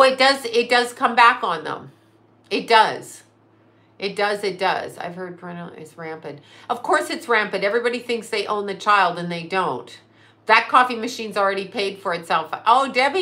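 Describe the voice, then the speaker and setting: A woman's voice: fairly low pitch, bright, forceful tone. A woman in her fifties chatting casually on a livestream, rambling from topic to topic and answering viewers' comments aloud. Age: 50s. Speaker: livestream host. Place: in a car.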